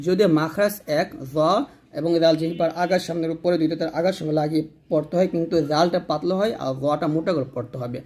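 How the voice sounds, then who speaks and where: Man slowly spelling out recitation sounds. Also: on the high side. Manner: patient, repeats syllables slowly, drawing out sounds. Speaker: Quran recitation teacher. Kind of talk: slow letter-by-letter pronunciation lesson.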